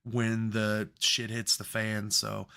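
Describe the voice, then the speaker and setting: Man, bright tense voice, casual sports podcast co-host, profane and worked up. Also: lowish voice, monotone, slow pace, creaky, clean tone.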